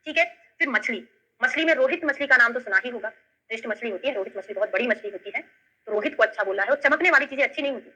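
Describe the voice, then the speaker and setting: This Ayurveda tutor speaks fast in a fairly high, sharp voice with lively intonation and a Bundelkhandi Hindi accent. She explains her online lesson step by step, uses memory tricks, and checks in with students, though the recording quality is low.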